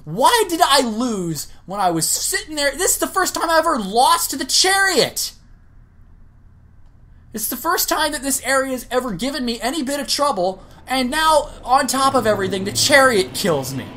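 A woman's voice: high-pitched, very animated, moderate pace, fairly bright tone. A woman giving gameplay commentary, ranting and swearing at herself and the game as she plays. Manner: profane, ranting, talks to herself. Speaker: let's play gamer.

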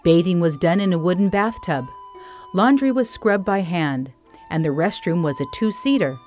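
Female documentary narrator, measured and calm, lowish voice over light music. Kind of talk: scripted narration. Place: studio voice-over.

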